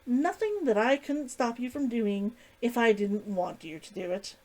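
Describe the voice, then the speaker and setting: Woman reader doing a blunt coy hunter girl from a fantasy book, sure of herself, lively pitch. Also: unhurried. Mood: dismissive, assured. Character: blunt, coy, confident young female hunter. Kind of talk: acted dialogue in a story reading.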